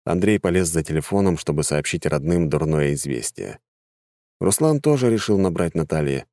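A man narrating an audiobook in an even, measured storytelling manner. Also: extremely low pitch, no room sound, clean studio sound. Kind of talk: scripted narration.

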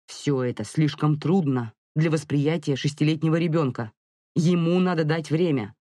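An audiobook narrator voicing a young father who speaks firmly and tries to calm his wife. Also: medium pitch, no echo, clean studio sound, natural voice. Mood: stern. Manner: firm, commanding, measured. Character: stern calm young father trying to soothe. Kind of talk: audiobook character reading.

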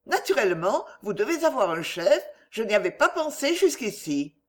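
A man's voice: extremely high pitch, big pitch swings, measured pace, fairly bright tone, voice pushed up, exaggerated voice. A man voicing an anxious, grateful French countess in an audiobook, earnest and pleading.

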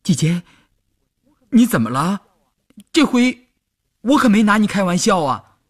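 A man's voice: sits high, big pitch swings, unhurried, pitched above the performer's own voice, heavily acted. A man playing a teasing, easily flustered teenage boy soldier in a raised, youthful voice.

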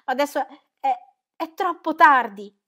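A woman's voice: high voice, lively intonation, moderate pace, bright, forceful tone. A woman reading aloud and voicing a desperate young woman, her speech urgent and close to tears. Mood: anguished. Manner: urgent, breaking, tearful. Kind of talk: audiobook reading.

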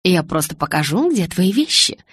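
A playful young woman teases with an innocent air, voiced by a woman reading an audiobook. Her tone is husky and on the low side. The sound is close and dry. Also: sing-song, normal speed, no echo. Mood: teasing. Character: playful, teasing young woman, quick and light. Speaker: audiobook reader.

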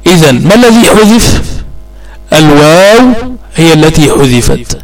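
A man's voice: fairly high pitch, poor audio. A man teaching a grammar lesson, patiently asking and answering his own questions and repeating the key points.

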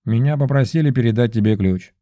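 A man voicing a rude, boastful male pigeon familiar with a shrill, squawking manner. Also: moderate pace, warm tone, dry recording, close to an everyday voice. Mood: smug.

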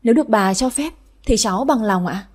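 A proud, arrogant young rival, played by a woman narrator in a storybook drama. Her voice climbs high and sharp when she threatens, with a husky grain. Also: expressive, a little fast. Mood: haughty. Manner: haughty, threatening.

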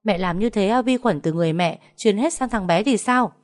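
A woman's voice: lowish voice, animated, brisk, natural voice. A woman voicing a spoiled, scornful rich young wife who scolds shrilly. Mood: furious.

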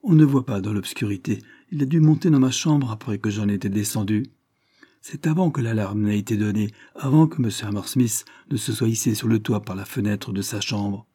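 A man's voice: lowish voice, brisk, mellow, breathy edge. A man reading an audiobook, voicing a sly, stubborn young farmhand who answers questions defiantly.

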